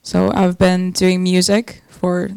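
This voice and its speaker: A woman's voice: on the low side, completely flat delivery, slow pace, vocal fry, a little mellow, clear, resonant tone, no room sound, clean studio sound. A woman from Estonia introducing herself as a speaker on a live panel. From Estonia, from Narva. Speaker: panelist, amateur musician and stand-up comic.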